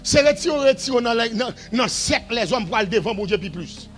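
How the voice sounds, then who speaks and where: High voiced preacher guy hollering a revival sermon, bright tense tone, music under it. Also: lively intonation, quick pace. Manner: shouted, sing-song preaching that drops to quiet asides.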